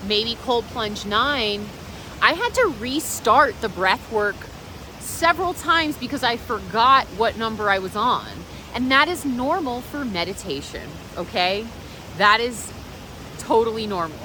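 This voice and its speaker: A woman vlogger talking reflectively and off the cuff outdoors, encouraging the viewer directly. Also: mid-range voice. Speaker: vlogger and meditation practitioner. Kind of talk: unscripted reflective vlog talk. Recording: clear steady background noise.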